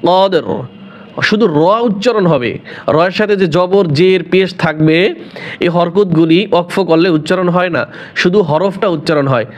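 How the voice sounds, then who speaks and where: A man's voice: sits high, normal speed. A man teaching Quran recitation in a tajweed lesson with a Bangladeshi Bengali accent, patiently breaking words into letters and repeating each phrase. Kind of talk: tajweed lesson, explaining then reciting slowly. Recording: slightly dull lo-fi audio.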